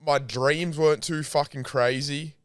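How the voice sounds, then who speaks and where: A man's voice: a little high, fairly even intonation, a little slow, no room sound, studio quality. A young Australian man co-hosting a podcast, easygoing and sweary in casual banter. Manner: laid-back, sweary banter. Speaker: podcast co-host. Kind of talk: casual chat.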